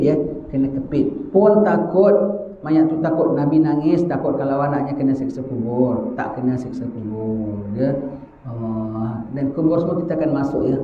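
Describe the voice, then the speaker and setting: A man giving a religious sermon, lively with rhetorical questions and mocking asides. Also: medium pitch, slight background noise. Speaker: religious teacher. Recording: echoey, dull lo-fi lecture recording.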